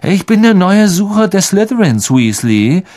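A man's voice: sits high, animated, pitched above the performer's own voice. Malfoy, a man doing a drawling smug boy. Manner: slow, haughty drawl. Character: smug sneering boy rival, drawling and arrogant.

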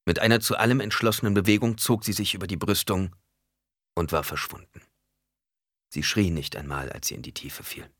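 Male narrator, deep but crisp voice, dry close sound. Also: fairly quick, fairly bright tone, no echo. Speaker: audiobook narrator. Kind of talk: scripted narration.

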